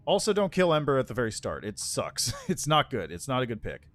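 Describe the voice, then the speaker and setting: A man's voice: medium pitch, huge pitch swings, brisk. A man chatting casually as he streams and comments on a game live.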